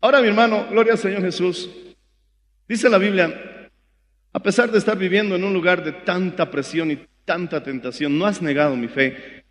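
A Bolivian man preaches a sermon with a high voice and a fervent delivery that swells into shouts. His voice carries through a large hall with a long, trailing echo. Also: normal speed. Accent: Bolivian Spanish. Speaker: pastor.

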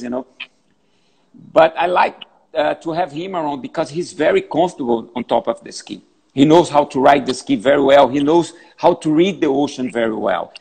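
A man in his fifties, a big wave surfer, answering interview questions in halting, repetitive English, calling in from a gym. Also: fairly high pitch, gravelly, husky. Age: 50s. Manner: halting, repeats words, non-native phrasing.

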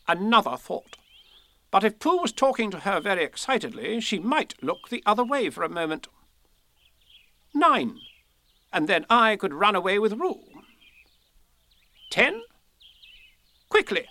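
A man's voice: high voice, pitched above the performer's own voice, heavily acted. A man voicing a bossy, self-important male rabbit who loves making plans, in a storybook reading. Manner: brisk, self-important, lively. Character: bossy clever male rabbit, brisk planner.

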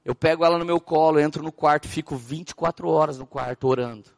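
A Brazilian man preaching as a pastor, telling stories with animated acted-out dialogue. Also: fairly high pitch, fast talker, creaky. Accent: Brazilian Portuguese. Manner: animated storytelling, acting out dialogue. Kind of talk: sermon.

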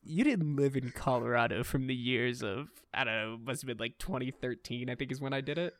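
A young man in his twenties hosting a casual podcast chat, animated, laughing often and filling his talk with "like" and "dude". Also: medium pitch, brisk, no room sound. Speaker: podcast host.

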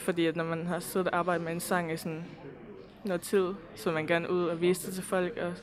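A Danish woman, a band member, answering calmly about writing and performing songs. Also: on the low side. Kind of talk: casual interview answers. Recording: crowd chatter in the background. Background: crowd.

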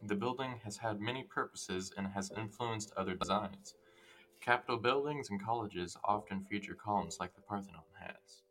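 Very low-voiced man reading a school presentation. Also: normal speed, pushed and bright. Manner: plain, reads out facts. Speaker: class presenter. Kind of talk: read-aloud school presentation.

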